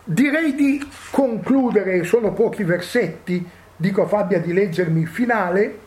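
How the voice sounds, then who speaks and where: A man's voice: high voice, moderate pace, darkish tone. A man. He talks in a reflective, thinking-aloud way and keeps checking in with his listeners with short questions. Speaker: Bible teacher. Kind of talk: Bible study talk.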